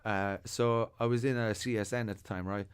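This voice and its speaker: Podcast guest: Irish man with a lowish voice, lively anecdotes, acts out quoted lines. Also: fairly quick, clean tone. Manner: animated storyteller, quotes others in lively bursts. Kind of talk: casual chat. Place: music studio.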